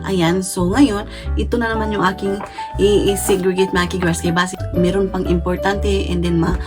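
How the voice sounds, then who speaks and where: A woman from the Philippines, talking casually at home to her viewers, playful and quick to laugh, switching between languages. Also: mid-range voice, little pitch movement, over music. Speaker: vlogger. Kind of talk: casual vlog chat to viewers. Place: home in Japan.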